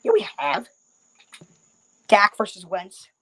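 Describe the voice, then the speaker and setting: A man's voice: high-pitched, sing-song, slow, creaky, pushed and bright, no echo. A man co-hosting a sports podcast in casual debate, persistent and pushing his point.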